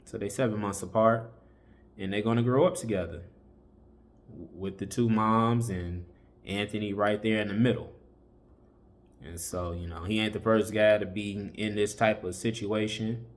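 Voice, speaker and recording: A man's voice: lowish voice, fairly even intonation, normal speed. A man, hosting a casual opinion commentary and giving warnings in a loose, filler-heavy way. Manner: preachy, conversational, repeats warnings with many fillers. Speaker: commentary channel host.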